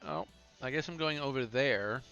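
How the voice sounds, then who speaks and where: A man's voice: mid-range voice, moderate pace, muffled recording. A man hosting a livestream, casually muttering commentary to himself while playing a game. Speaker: streamer and host. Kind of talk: casual gaming chat. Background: game music.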